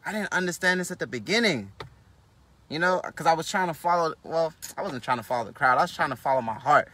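A man giving a live-streamed motivational talk from inside a car, animated and loose, full of conversational asides. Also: on the high side, quick pace. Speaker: motivational business speaker.

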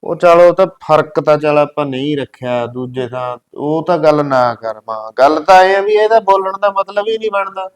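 A man's voice: a little high, steady tone, normal speed, hardly any pauses, clear, resonant tone, close to an everyday voice. A man playing a hot-tempered young husband who sides with his mother in a family drama. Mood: stern. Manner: blunt, scolding. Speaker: son and husband.

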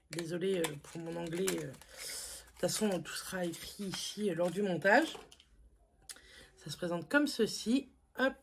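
A woman's voice: mid-range voice, a little hiss or hum. Woman, beauty vlogger, casual haul review, chatty, self-mocking, filler-heavy, home camera mic.

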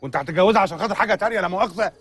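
A man's voice: sits high, animated, a bit bright, breathy edge, far from the mic, faint music behind, full character voice. An actor with an Egyptian accent playing a meddling, joking man who teases and stirs up trouble in a comedy series. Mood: teasing. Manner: teasing, mischievous, rapid banter.

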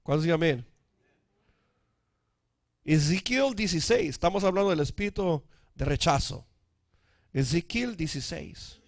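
A man's voice: on the high side, expressive, measured pace, long pauses, no echo, clean studio sound. A male pastor, preaching a sermon, calling out for amens and dropping in English words. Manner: preaching with frequent calls for amen.

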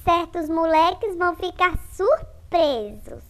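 A woman's voice: very high voice, animated, slow, fairly bright tone, full character voice. A woman voicing a proud, touchy, bossy little girl in a comic-strip cartoon. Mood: hopeful, touchy.

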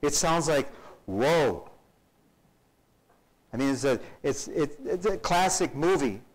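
A man's voice: on the high side, normal speed, poor audio. A male pastor preaching a sermon, acting out scenes with shifting voices and dramatic drops to near-whispers. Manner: animated, acts out scenes with varied voices.

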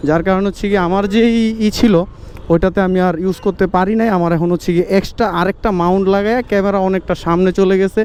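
A man's voice: sits high, fairly even intonation, fast talker, a little mellow. A man with a Bangladeshi accent giving casual motovlog commentary outdoors as he rides, often padding his explanations with filler phrases. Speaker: motorcycle vlogger. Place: outdoors, riding a motorbike on city roads. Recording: clear road and traffic noise.

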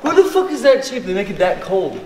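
Young man, high lively voice, brash slangy explorer chat, echoey empty building. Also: fairly quick, recorded from a distance. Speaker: urban explorer in a group. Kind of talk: casual chat while exploring. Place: large abandoned mill at night, indoors. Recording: very noisy handheld camera, echoey empty building.

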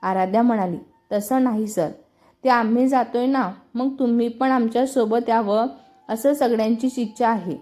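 A woman's voice: fairly high pitch, steady tone, moderate pace, dark tone, soft background music. A woman with a Marathi accent reading a story aloud and voicing every character's lines in her own voice. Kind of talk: scripted story narration voicing all characters.

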